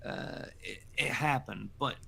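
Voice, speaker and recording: A man in his forties co-hosting a casual livestream chat, talking in a reflective, unhurried way with trailing fillers. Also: medium pitch, gravelly, bright, forceful tone, slightly rough. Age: 40s. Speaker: co-host, channeler.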